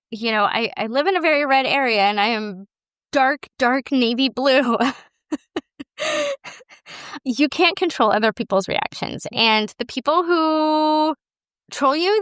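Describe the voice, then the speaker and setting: A woman's voice: a little high, dry recording. A woman hosting a casual solo podcast, talking candidly and animatedly into a close mic, now and then poking fun at herself. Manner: candid, animated, self-deprecating with laughs. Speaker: podcast host and business owner.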